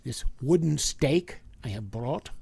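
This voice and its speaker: A man playing a grave, commanding older professor and vampire hunter in old-time radio drama style, deliberate and insistent. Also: mid-range voice, animated, gravelly, mellow, slightly rough, no echo, exaggerated voice. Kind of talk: 1940s radio acting.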